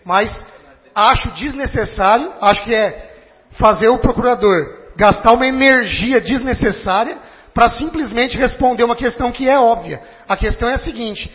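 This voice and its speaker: A man with a Brazilian Portuguese accent, speaking as a city councilman in a formal debate, halting and argumentative, often repeating words. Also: very high-pitched. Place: council chamber. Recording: dull lo-fi recording with long chamber reverb.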